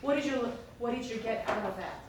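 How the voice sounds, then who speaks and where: A woman lecturer with a fairly high-pitched, fast voice leads a classroom discussion, encouraging students, asking follow-up questions, and laughing lightly. She's recorded from far off in an echoey classroom, with background noise.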